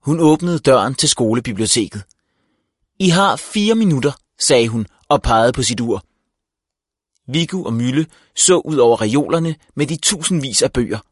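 A man narrating a children's audiobook in an even storytelling delivery. His voice sits at a middle pitch. The recording is dry and close, with no room sound. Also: slightly rough, no echo.

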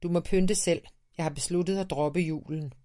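A man's voice: on the high side, fairly even intonation, mellow, pitched above the performer's own voice, close to an everyday voice. A man voicing a grumpy, defiant little boy in a children's audiobook, sounding scornful and stubborn. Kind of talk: audiobook character reading.

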